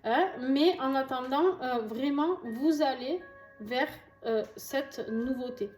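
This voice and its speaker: A woman's voice: high voice, takes it slowly, a little mellow. A woman with a southern French accent giving a chatty, reassuring tarot reading to her viewers, with many fillers and asides. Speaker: tarot reader. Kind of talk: casual tarot reading to camera. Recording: echoey room with faint music.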